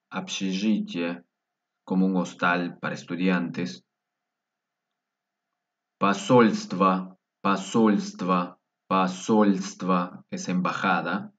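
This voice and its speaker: A man's voice: sits low, fairly bright tone. A man teaching a vocabulary lesson, patiently repeating each word several times. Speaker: language teacher. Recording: dull, distant mic.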